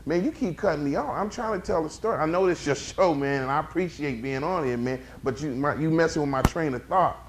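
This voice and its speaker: A man's voice: fairly high pitch, brisk, few pauses, lightly acted. A man playing a laid-back, slangy young neighbor in a comedy sketch interview. He rambles and stumbles over his words.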